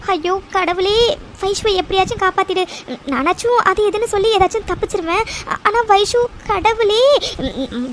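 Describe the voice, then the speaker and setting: A bold, caring young office worker in a cartoon serial, voiced by a woman, with a very high voice. She talks expressively and comforts her friend. Faint background noise sits under the dialogue. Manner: expressive, reassuring, animated.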